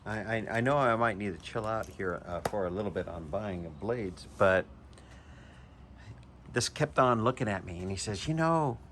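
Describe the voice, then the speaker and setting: A man's voice: fairly low pitch, normal speed, fairly bright tone, a little hiss or hum. A man and knife collector giving a chatty, enthusiastic show-and-tell review, with chuckles and hesitant restarts.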